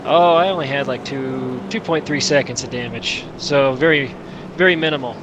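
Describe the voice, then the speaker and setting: A man with an average-pitched voice answers as a racing driver in a casual interview. He is halting and matter-of-fact. The sound is dull and lo-fi, with faint noise.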